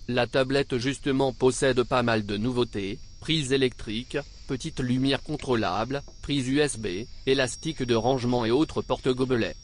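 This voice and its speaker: A man narrating a travel review in a casual, conversational style, as the reviewer himself. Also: mid-range voice. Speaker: train trip reviewer.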